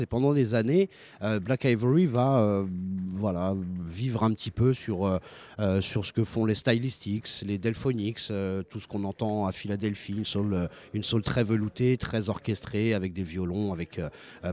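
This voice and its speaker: A man's voice: lowish voice, dark tone. A man hosting a live music radio show, talking casually with many hesitations and restarts. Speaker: radio host.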